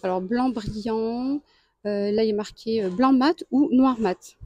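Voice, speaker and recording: A woman, a deal-hunting vlogger, walks through a store aisle and lists prices and sizes. She speaks in a chatty way and pauses often. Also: fairly high pitch, dark tone, no room sound, lo-fi sound. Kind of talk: casual store walkthrough. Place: home improvement store aisle.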